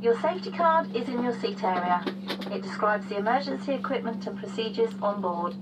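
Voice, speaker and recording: A woman's voice: fairly high pitch, expressive, fairly quick. A woman speaking as a flight attendant, formally reading scripted safety instructions to passengers. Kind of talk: scripted airline safety announcement. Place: aircraft cabin. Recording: distant cabin PA with clear hum.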